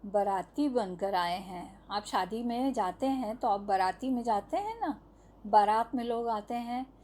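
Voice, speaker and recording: A woman's voice: on the high side, lively intonation, measured pace, warm tone. A woman teaching an online lesson to young children, stretching out each syllable and answering her own questions. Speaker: primary school teacher.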